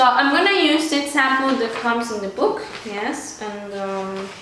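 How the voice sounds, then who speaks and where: Slow-talking woman teaching in an echoey room. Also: on the high side, fairly bright tone. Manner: switches between English and Spanish, frequent "okay?" checks. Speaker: English teacher. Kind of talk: online grammar lesson. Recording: very echoey room with faint ambient noise.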